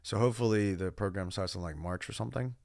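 His fairly low voice moves fast, with vocal fry, captured in a clean studio recording with no echo. A guest on a podcast, he's in his thirties, from Guam and California and born in the Philippines, and he tells stories in a casual, slangy, animated way with quoted asides.

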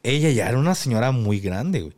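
A man's voice: mid-range voice, very animated, fast talker, a little mellow. A man with a Mexican accent, chatting casually as a podcast host, full of slang and laughing easily. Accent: Mexican Spanish. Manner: slangy, laughs while telling a grim story.

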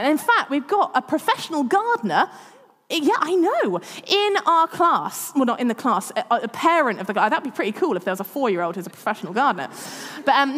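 A woman's voice: high-pitched, fairly bright tone, in a large hall. A woman in her thirties preaching a sermon, chatty and self-deprecating, often laughing at herself. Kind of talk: sermon with personal stories.

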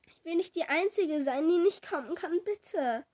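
A woman's voice: very high voice, lively intonation, normal speed, darkish tone, pitched above the performer's own voice. A woman reading a storybook aloud, voicing a whiny, self-pitying schoolgirl who pleads and complains. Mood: begging. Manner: pleading, whining.

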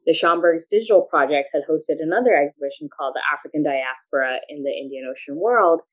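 A woman born in Pakistan, speaking as a guest professor in an academic interview, has a notably low voice. Her answers come across as measured, thoughtful and academic. The recording quality is low.

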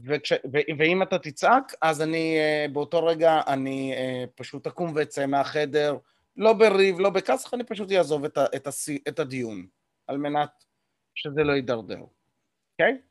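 A man teaching a live group about communication, explaining step by step, checking in with listeners often and pausing on hesitation fillers. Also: fairly high pitch, expressive, dry recording, clean studio sound. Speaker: communication coach leading a workshop.

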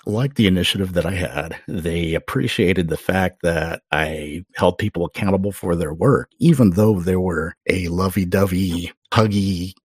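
A middle-aged man with a very low, husky voice tells stories in a relaxed, chatty way. He jumps up in pitch and volume whenever he acts out what others said. The sound is close and dry. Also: no echo. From Oklahoma. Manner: animated storyteller, loudly acts out quoted voices. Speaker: podcast guest. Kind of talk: casual storytelling.

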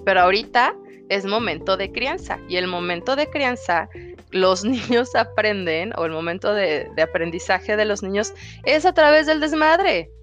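A woman with a Mexican accent talks in a casual, frank way, full of slang. Her voice sits at a middle pitch, and faint music plays underneath. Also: expressive, moderate pace, a bit bright, lo-fi sound. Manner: frank and slangy, acts out dialogues with her kids. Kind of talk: casual chat.

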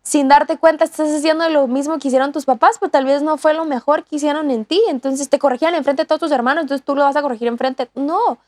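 High-voiced woman giving earnest casual teaching. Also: fairly even intonation, fast, hardly any pauses, darkish tone, dry recording. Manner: earnest, many restarts and fillers. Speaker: co-host teaching on discipleship.

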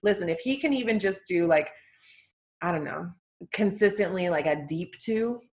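A woman's voice: fairly low pitch, lively intonation. A woman co-hosting a casual sports podcast, chatty and playful in her opinions. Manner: chatty, playful, quick to laugh. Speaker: podcast co-host.

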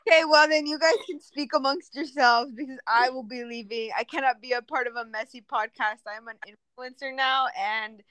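A woman's voice: high-pitched, fairly even intonation, brisk, few pauses, sharp tone, clean tone, dry recording, poor audio. A young woman co-hosting a podcast in casual chat, dramatic and exasperated. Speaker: podcast co-host.

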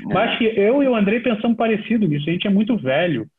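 A middle-aged Brazilian man, a TV sports reporter, chatting relaxed and full of fillers as a podcast guest. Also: sits high, fast talker, a little hiss or hum. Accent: Brazilian Portuguese. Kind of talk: casual podcast storytelling. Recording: tinny phone-like line.

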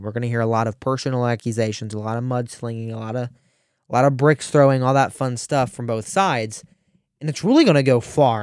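A man's voice: medium pitch, a little mellow, no room sound, studio quality. Teenage boy hosting rambling radio talk. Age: teens. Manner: rambling, with fillers and restarts. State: hiccuping. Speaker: radio show host.

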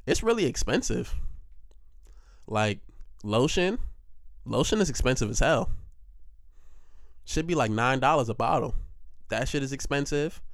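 A man's voice: on the high side, dry recording. Young man, loose rambling chat, swears and laughs a lot, dry close mic. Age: young adult. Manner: rambling, profane, laughs often. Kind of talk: casual storytelling monologue.

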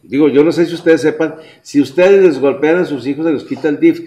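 Crude laughing Mexican comedian. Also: male voice, fairly high pitch, fairly quick, dark tone. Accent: Mexican Spanish. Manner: crude, laughing, constant slang fillers. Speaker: podcast guest, comedian. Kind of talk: casual comedic chat.

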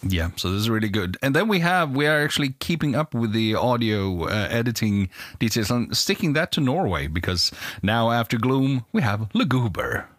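A man co-hosting a podcast, reading a lively scripted intro and then chatting casually. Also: mid-range voice, normal speed, few pauses, no room sound, studio quality. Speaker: podcast co-host.

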